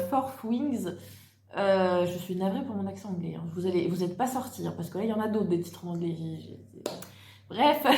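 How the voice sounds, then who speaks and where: A young woman talks casually about her reading plans, hesitating often and restarting her sentences. Her voice sits at an ordinary middle pitch. The room around her gives a noticeable echo. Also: a little mellow. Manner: chatty, hesitant, many fillers and restarts. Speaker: book vlogger. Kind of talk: casual chat. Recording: echoey room.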